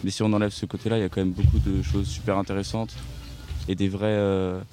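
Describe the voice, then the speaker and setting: A teenage boy answering interview questions in relaxed, informal speech. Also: low-pitched, fast talker, faint music behind. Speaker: young guest.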